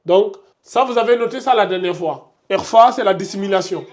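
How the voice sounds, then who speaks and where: Standing in a classroom with a board, a Quran recitation teacher works through a lesson, patiently repeating examples and lengthening each sound as he shows it. He has a high voice and talks fairly quickly.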